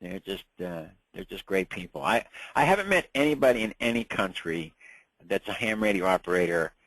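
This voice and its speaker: Low in pitch yet expressive, fairly quick and fairly bright, this man's voice is heard without echo on a low-quality recording. The New York-accented Long Islander, in his sixties, lectures a ham radio licensing class casually, chatting, telling stories, and repeating words as he restarts.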